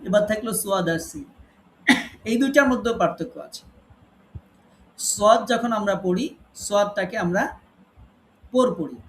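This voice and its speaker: A man teaching an online tajweed class, patiently explaining rules and slowly reciting Arabic examples. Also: high-pitched, a little hiss or hum. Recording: echoey room with faint ambience.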